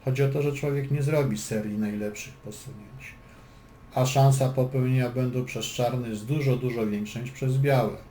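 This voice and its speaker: Guy walking through a chess game, mellow voice, echoey room, bit of faint hiss. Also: medium pitch, steady tone, normal speed. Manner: dry joking asides between move calls. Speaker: chess instructor. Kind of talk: chess lesson commentary.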